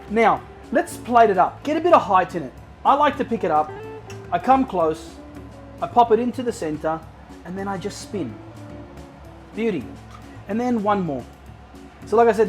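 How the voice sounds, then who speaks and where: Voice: mid-range voice, lively intonation, normal speed, pauses often, soft background music. An enthusiastic cooking show host giving a casual demonstration to viewers, often repeating words for emphasis, over a sizzling pan.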